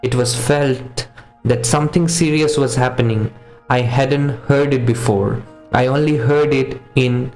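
The audio is poor and roomy, carrying a slightly mellow, medium-pitched male voice. He's a man in his thirties reacting to music on camera, talking casually and earnestly in non-native English; his mother tongue is something other than English or Hindi. The setting is a small home studio with posters and a boom-arm studio condenser mic.

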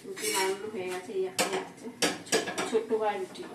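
A woman's voice: medium pitch, flat delivery, fairly quick. A woman in her thirties, a home vlogger and mother, chatting casually to her viewers while she cooks at home. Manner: chatty, talks straight to viewers while cooking. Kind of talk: casual vlog narration to viewers. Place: home kitchen indoors. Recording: clattering kitchen noise behind. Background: dishes, pots and cutlery clatter.

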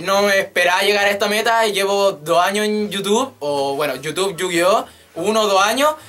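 A man in his twenties with a Chilean Spanish accent hosts a casual YouTube vlog, speaking in a high-pitched, sharp voice as he rants animatedly, jokes and swears freely. He records on a desk webcam in a small room with a drum kit.

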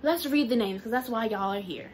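A woman's voice: a little high, a little fast, darkish tone, a little hiss or hum. Chatty young woman vlogging by phone. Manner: chatty, playful, slangy. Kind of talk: casual vlog chat. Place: car, store, then bedroom at home. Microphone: phone camera held close.

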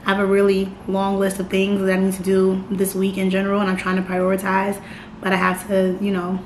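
A young American woman with a hoarse, raspy smoker-like voice, chatting casually to camera in a vlog. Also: medium pitch, completely flat delivery, a little fast. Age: young adult. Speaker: vlogger. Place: bright open-plan apartment, indoors. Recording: roomy echo, clear background noise.

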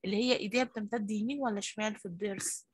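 With a faintly husky voice and Egyptian Arabic accent, a primary school teacher praises and encourages her young online pupils. She talks at a racing speed, medium in pitch with fairly even intonation, and the audio has no echo.

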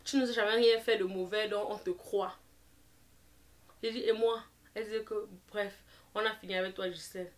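A woman's voice: medium pitch, steady tone, moderate pace. A young woman telling a personal story in a casual storytime style, mixing English phrases in and leaning on fillers. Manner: chatty, mixes English phrases into French; leans on fillers like "genre" and "et tout et tout".

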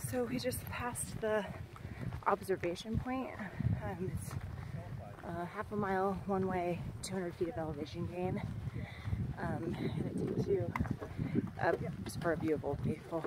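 A young woman vlogging her honeymoon hike chats casually as she walks an outdoor boardwalk trail, pointing things out and using lots of fillers. Her voice is lowish and a little slow, with long pauses. She holds the camera at arm's length, and its audio picks up wind noise.

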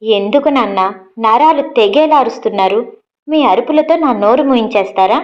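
A woman's voice: a little high, animated, normal speed, muffled recording, natural voice. Woman voicing a fierce defiant daughter. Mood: furious. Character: angry grown daughter defying her father.

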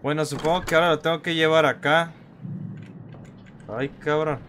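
A man's voice: on the high side, little pitch movement, quick pace, a bit bright. A young Mexican man streaming a horror game, panicky and jokey, swearing casually and repeating phrases frantically. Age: young adult. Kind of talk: live gameplay commentary, casual and profane. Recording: clear background game noise.

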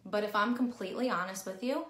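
A woman's voice: mid-range voice, fast, fairly bright tone. Chatty middle-aged woman vlogging, roomy echo. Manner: candid, chatty, heavy use of "like" fillers. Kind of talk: casual vlog talk to camera. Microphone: camera at close range, talking to herself on screen.

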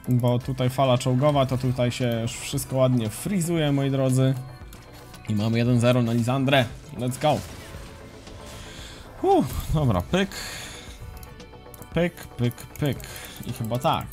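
A man streaming a game, commentating casually and chatting with viewers in a relaxed, slangy way. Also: medium pitch, measured pace, long pauses. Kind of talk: casual live commentary while playing and reading chat. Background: faint music and keyboard typing.

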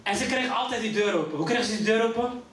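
A middle-aged Rotterdam man with a high-pitched voice talks fast as he tells stand-up stories on a community venue stage, acting out his family's voices in a Rotterdam Dutch accent. He's recorded live from a distance in a roomy hall with slight background noise.

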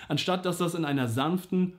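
Patient German-speaking vocal coach, slightly high voice. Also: male voice, darkish tone. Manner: patient, explains simply, demonstrates sung vowel slides. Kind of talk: singing lesson to camera.

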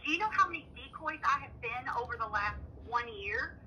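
High, bright woman on speakerphone. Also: expressive, fairly quick, a little hiss or hum, poor audio. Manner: firm, cold and accusing. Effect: heard over a phone on speaker. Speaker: decoy caller for a vigilante group. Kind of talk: confrontational phone call.

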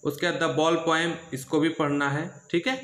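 A man leads a syllabus lesson in a slightly high, bright voice. He speaks steadily and repeats himself, checking in with students again and again. The room echoes noticeably. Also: unhurried. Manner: steady, repetitive teaching with frequent "theek hai" check-ins. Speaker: English teacher.

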